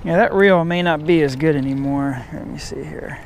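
A man's voice: on the high side, moderate pace, gravelly, a little hiss or hum. Man filming a fishing outing. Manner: coaching a child, encouraging. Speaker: fishing vlogger. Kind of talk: casual outdoor fishing vlog. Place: outdoors by a pond and creek. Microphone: head-mounted action camera.

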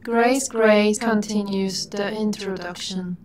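Slow dreamy woman narrator. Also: mid-range voice, steady tone, darkish tone, slight background noise, poor audio. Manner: slow, dreamy, sometimes whispered. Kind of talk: scripted narration.

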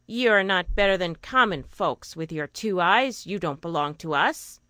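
A woman's voice: fairly low pitch, lively intonation, moderate pace, sharp tone, no echo, clean studio sound. A woman voicing scornful, spiteful sisters.

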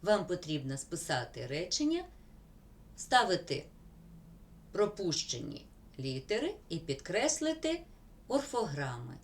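A woman teacher, slowly dictating word examples in a school grammar lesson. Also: lowish voice, very animated, a little hiss or hum.

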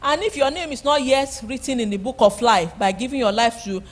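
A woman's voice: fairly high pitch, brisk. A middle-aged woman pastor preaching a sermon from a church pulpit, emphatic, repeating key words and calling out praise. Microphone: handheld microphone.

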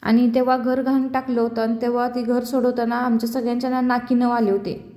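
A woman's voice: on the high side, flat delivery, brisk, warm tone, close to an everyday voice. A woman voicing a stern middle-aged mother who firmly scolds her son, recorded in an echoey room. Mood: scolding. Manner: scolding, firm.

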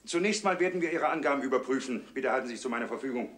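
An actor playing a stern middle-aged police inspector in a 1960s German crime series, on a noisy old soundtrack. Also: male voice, mid-range voice, expressive, very fast, fairly bright tone, lightly acted. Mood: stern questioning.

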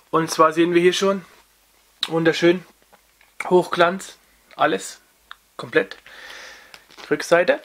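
Off camera, a young vinyl review channel host talks through a casual record review, stumbling into frequent fillers and restarts. His voice sits on the high side with a bit of brightness.

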